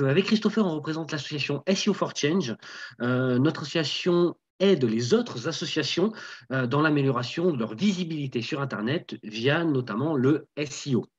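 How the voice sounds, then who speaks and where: A man's voice: a little high, slightly rough. A man co-presenting a webinar, upbeat and welcoming, speaking over a remote video call. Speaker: webinar co-presenter, marketing teacher. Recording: dull lo-fi video call audio.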